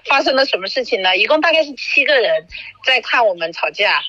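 A woman's voice: a little high, brisk, dry recording, dull audio. A woman hosting a podcast, recounting an argument in casual chat and acting out the quoted dialogue. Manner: animated storytelling, acts out quoted dialogue. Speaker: podcast host.

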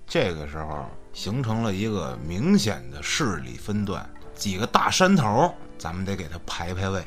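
一位男性播客搭档主持人，时常应和，偶尔插几句俏皮的评论。. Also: male voice, sits low, very animated, moderate pace, a bit bright, soft background music. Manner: brief interjections, wry asides. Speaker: podcast co-host. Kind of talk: conversational podcast banter.

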